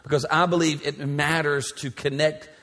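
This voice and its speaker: A man's voice: on the high side, flat delivery, moderate pace, fairly bright tone. Man in his forties preaching in a hall. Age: 40s. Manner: emphatic, repetitive preaching cadence. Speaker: pastor. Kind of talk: sermon. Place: large church sanctuary. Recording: church hall reverb.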